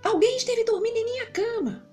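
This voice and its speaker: Woman doing a shrill mama bear. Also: a little fast, warm tone, faint music behind. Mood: indignant.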